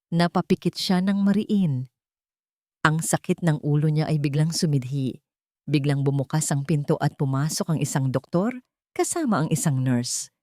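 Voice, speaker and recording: Reading a dramatic scripted story for an audiobook, this Filipino-accented woman has a low-pitched, slightly mellow voice. The studio sound is clean, with no room sound.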